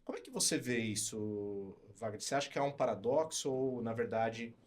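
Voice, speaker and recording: A man co-hosting a podcast discussion, posing questions to the other hosts in an animated way. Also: mid-range voice, moderate pace. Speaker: co-host, teacher.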